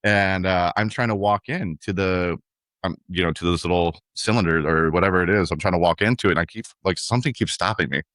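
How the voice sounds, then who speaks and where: A young man co-hosting a podcast, telling a story in a relaxed, chatty way and acting out the other people's lines. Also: sits low, brisk, dry recording, clean studio sound. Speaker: podcast co-host. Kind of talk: casual conversational storytelling.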